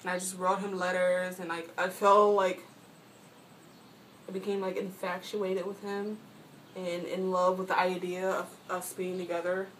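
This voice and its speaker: Young woman, casual rambling storytelling, filler-heavy, mic set a bit away, soft hiss. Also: level tone, unhurried. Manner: rambling, says "like" constantly, mimics friends in high voices. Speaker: vlogger. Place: at home, painting her toenails. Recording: distant mic, faint background hiss.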